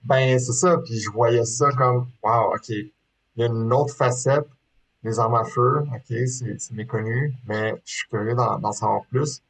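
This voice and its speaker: A man in his thirties with a medium-pitched voice speaks a little slowly in a low-quality recording. He is a sport shooter from Quebec, Canada, appearing as a casual interview guest with a Québécois French accent, and he's hesitant, using many fillers and restarts.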